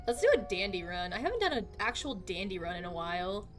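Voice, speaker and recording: A woman's voice: medium pitch, sing-song, fast, music in the background. A woman chatting casually on a game livestream in a hyped, slangy gamer manner, exclaiming and giggly. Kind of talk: casual, excitable gaming livestream chat.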